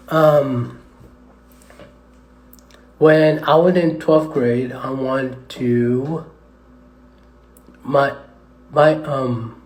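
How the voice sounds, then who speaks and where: A man chatting hesitantly on a live stream with lots of fillers, his voice echoing off the walls of a tunnel. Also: medium pitch. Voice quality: hesitant, halting with many fillers. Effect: echoing tunnel reverb, voice bouncing around. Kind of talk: rambling live stream chat. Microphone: tablet microphone. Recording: echoey tunnel sound.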